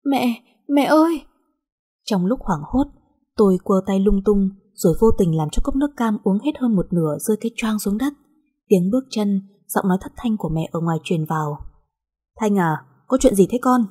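A woman narrates a dramatic first-person story softly and with feeling. Her voice is warm and mellow with a breathy, husky edge. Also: mid-range voice, expressive, a little fast. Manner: soft, emotional storytelling.

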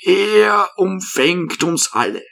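Audiobook: male reader doing a meek little old hermit, soft and high-pitched, gentle. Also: expressive, slow, gravelly, full character voice. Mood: serene. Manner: gentle, pleading, soft-spoken. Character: meek tiny hunchbacked old hermit man. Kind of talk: audiobook reading.

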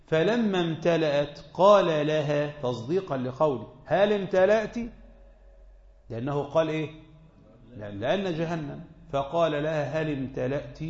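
A male teacher with an Egyptian accent reads formal classical text, then drops into relaxed colloquial remarks to his class. His voice carries a long, roomy echo. The recording sounds dull and lo-fi. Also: mid-range voice, vocal fry. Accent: Egyptian Arabic. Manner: switches between formal reading and colloquial asides, asks the class questions. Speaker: teacher of Quranic exegesis. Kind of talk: classroom lesson explaining a tafsir text. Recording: echoey hall, dull lo-fi sound.

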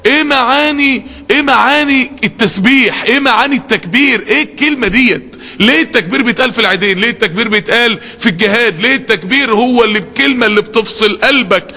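Egyptian male preacher, high quick and sharp voice, passionate rhetorical sermon, reverberant hall. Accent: Egyptian Arabic. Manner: rhetorical questions, emphatic, passionate.

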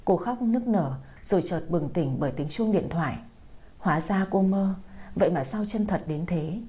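A woman reading a romance story aloud as an audiobook narrator, in a calm, even storytelling manner. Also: fairly low pitch, moderate pace.

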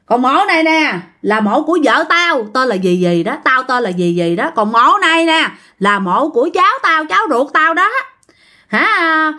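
A woman's voice: sits high, big pitch swings, moderate pace, sharp tone, exaggerated voice. A woman voicing a vengeful old male ghost who scolds coarsely and repeats himself. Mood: grumbling.

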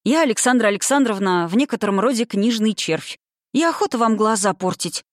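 A woman reading aloud voices a gentle, patient, bookish man who manages an estate. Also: medium pitch, a little fast, no room sound, clean studio sound, lightly acted. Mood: mild. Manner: mild, calm.

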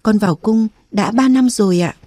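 A timid young palace maid , read by a woman narrator answers humbly and deferentially. Her voice is mellow and recorded close and dry. It is a storybook reading. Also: mid-range voice, moderate pace, no room sound, close to an everyday voice. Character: young servant girl, poor and timid.

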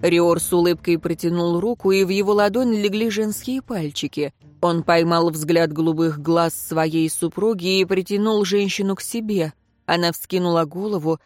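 An audiobook narrator reading fantasy prose in an even, measured way. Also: mid-range voice, dry recording, studio quality.

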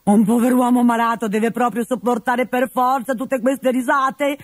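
A man voicing a grumpy, miserly old man who whines about being sick and scolds his servant, sometimes shouting. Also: extremely high pitch, flat delivery, moderate pace, no echo, clean studio sound, faint music behind, voice pushed up. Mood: shrill scolding.

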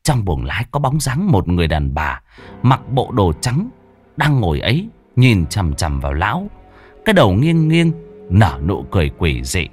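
A man narrating a horror story in a dramatic, expressive way. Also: low voice, normal speed, soft background music.

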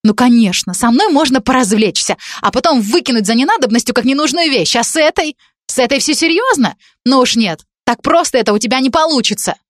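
Woman voicing a hysterical jealous girl, high and shrill. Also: lively intonation, fairly quick, no echo, clean studio sound. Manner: screaming, sobbing accusations. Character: jealous hysterical young female student. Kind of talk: audiobook character reading.

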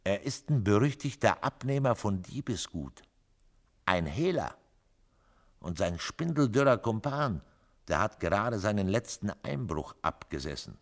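A man's voice: fairly low pitch, very animated, a little slow, voice pushed up. A man reading aloud, voicing a mocking court messenger who lets the others in on a secret. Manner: mocking, conspiratorial.

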